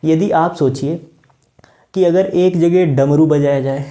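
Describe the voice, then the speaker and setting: A man teaching a Hindi grammar lesson, explaining patiently, repeating key words and reciting verse lines slowly. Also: fairly high pitch, fairly even intonation, dark tone.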